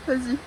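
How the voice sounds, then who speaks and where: A woman's voice: a little hiss or hum, rough recording. A young woman chatting casually and teasingly in a travel vlog, giggling often. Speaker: vlogger.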